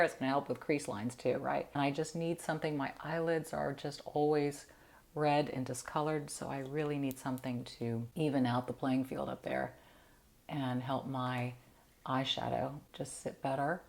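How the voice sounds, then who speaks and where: A woman's voice: extremely low pitch, a little mellow. A middle-aged woman, chatting through a makeup tutorial in a sleepy morning voice, friendly and self-deprecating. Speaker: beauty vlogger.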